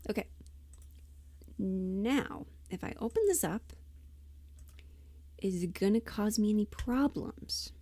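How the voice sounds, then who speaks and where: On a livestream, a woman who hosts streams and does amateur voice work chats casually, rambling informally and muttering asides to herself as she thinks aloud. Her medium-pitched voice is warm and slow, with long pauses, in a dry recording.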